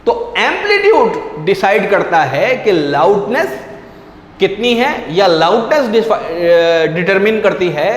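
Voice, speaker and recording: Animated man teaching physics in an echoey room. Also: high-pitched, takes it slowly, slight background noise. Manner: explains step by step and keeps asking if students understood; mixes English definitions into his explanations. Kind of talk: classroom-style lecture. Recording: echoey room with a long reverb.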